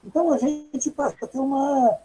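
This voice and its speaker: A man recalling a long acquaintance at a virtual book launch, speaking hesitantly with pauses and restarts, over a video call. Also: very high-pitched, mellow, a little hiss or hum, poor audio. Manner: hesitant, with many fillers and restarts. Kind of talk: reminiscing testimony.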